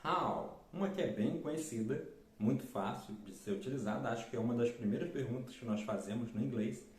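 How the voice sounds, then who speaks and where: A man teaching English, repeating key words and reading the example sentences slowly. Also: fairly low pitch, a little mellow. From Brazil. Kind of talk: explaining English lessons in Portuguese. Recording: roomy echo.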